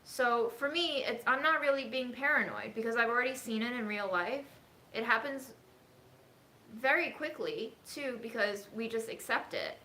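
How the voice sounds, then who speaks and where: Woman from china, casual vlog chat, earnest and deliberate, fairly high voice, bright tone, echoey kitchen. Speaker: cooking vlogger. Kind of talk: casual vlog talk while cooking. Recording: echoey room with faint noise.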